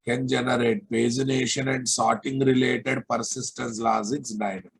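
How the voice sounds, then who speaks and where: A man teaching a live online software class, sternly repeating phrases and checking that students follow. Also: medium pitch, little pitch movement, normal speed, vocal fry, husky. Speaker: programming instructor.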